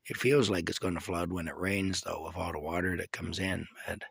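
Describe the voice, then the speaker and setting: A sick man with a cough, giving a casual, rambling video update from inside his camper, halting and restarting often. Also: sits low, steady tone, vocal fry, husky, no room sound. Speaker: vlogger giving a personal update.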